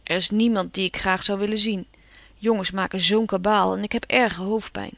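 A woman reading aloud, voicing a shy, lonely teenage boy with a hoarse voice in a storybook. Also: medium pitch, steady tone, moderate pace, no echo, lightly acted. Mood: gloomy.

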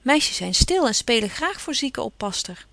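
A woman's voice: on the high side, big pitch swings, moderate pace, creaky, fairly bright tone, dry recording, exaggerated voice. A woman reading aloud, voicing a spirited, outspoken teenage girl in a storybook. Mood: cheery.

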